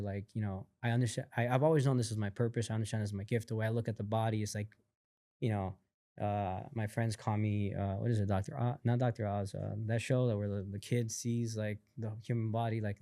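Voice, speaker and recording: A man guesting on a podcast, telling a personal story in a casual, animated way, acting out what others said, with lots of fillers. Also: lowish voice, fairly quick, no echo, clean studio sound. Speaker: podcast guest, company founder.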